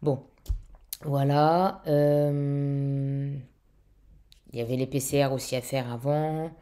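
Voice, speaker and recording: A young woman vlogger chats casually with viewers in a very low, dark, mellow voice, slow and steady. She swears offhandedly and fills pauses with plenty of "euh", and her throat remains a touch weak after intubation.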